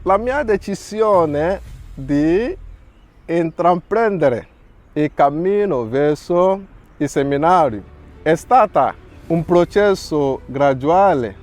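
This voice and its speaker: Slow, earnest priest from Nigeria. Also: male voice, on the high side, lively intonation, a little mellow, faint music behind. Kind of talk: reading a prepared testimony.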